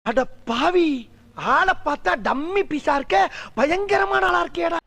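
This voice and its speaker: A man putting on a squeaky, strained falsetto to mock and tease in a mocking cartoonish voice. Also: animated, a little slow, gravelly, pushed and bright, exaggerated voice. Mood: teasing.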